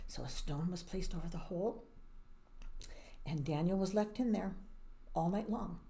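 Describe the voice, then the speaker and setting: A woman telling a Bible story to children, animated and sometimes dropping to a whisper for emphasis. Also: lowish voice, normal speed, vocal fry. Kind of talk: expressive storytelling.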